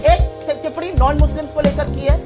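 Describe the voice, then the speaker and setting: A woman arguing forcefully in a TV debate, listing her points one after another. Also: high voice, steady tone, fast, loud music behind the voice. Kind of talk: TV debate argument.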